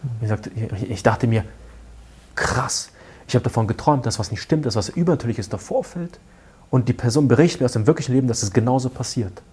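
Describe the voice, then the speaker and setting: Husky, mellow-voiced man telling a story. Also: medium pitch, lively intonation. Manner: earnest, halting, with restarts and hushed asides. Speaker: guest telling a personal story. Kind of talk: casual spoken storytelling.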